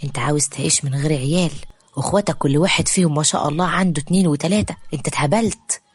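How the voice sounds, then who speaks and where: A woman's voice: low voice, racing, slightly rough, no echo. A woman voicing a pushy middle-aged mother with an insistent, scolding manner and an Egyptian Arabic accent. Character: pushy middle-aged mother urging her son to remarry.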